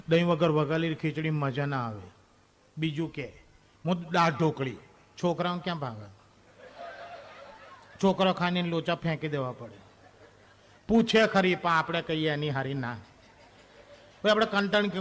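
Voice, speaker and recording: High-voiced man doing stand-up comedy. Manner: animated storytelling, acting out quoted wife and husband, mixing in English phrases. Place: stage before a live audience.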